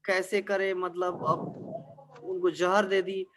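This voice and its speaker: A man's voice: high-pitched, flat delivery, takes it slowly, heavy background noise. A man narrating a devotional story as a spiritual lecture, in a conversational way with frequent filler phrases.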